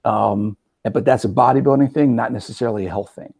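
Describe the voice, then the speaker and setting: A man in his forties hosting a casual interview as a coach, talking in an energetic, conversational way with frequent "right?" asides. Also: medium pitch, fast talker, gravelly, slightly rough. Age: 40s. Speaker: podcast host and metabolic coach.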